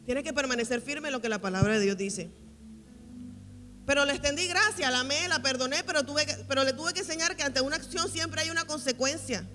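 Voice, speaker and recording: Female pastor preaching with emphatic repetition; tense, bright delivery in an echoing church hall. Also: sits high, a little fast. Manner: emphatic, repeats key phrases for weight. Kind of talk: sermon at a women's conference. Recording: reverberant hall with faint music.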